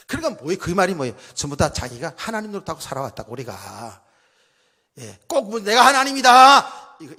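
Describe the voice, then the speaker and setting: A middle-aged man preaching in a church, his voice a little high for a man and swinging widely in pitch. He preaches in a talky way, slipping into the voices of people he quotes. His words ring out with a long reverb from the hall. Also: breathy edge. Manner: animated and conversational, acting out quoted voices. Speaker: pastor. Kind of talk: sermon. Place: church sanctuary.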